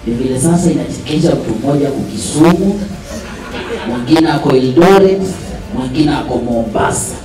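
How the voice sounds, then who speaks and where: A man's voice: fairly high pitch, expressive, brisk, music in the background. A young man with a Kenyan accent roasting and telling comic stories on a small stage. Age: young adult. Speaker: comedian roasting on a panel. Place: small indoor bar stage. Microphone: handheld microphone. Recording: echoey venue, distant from mic.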